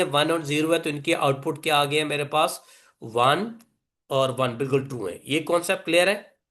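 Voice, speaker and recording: A man teaching a class, speaking deliberately, repeating definitions and mixing English phrases into his talk. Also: on the high side, a bit bright. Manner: mixes English phrases into Hindi. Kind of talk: online class lecture.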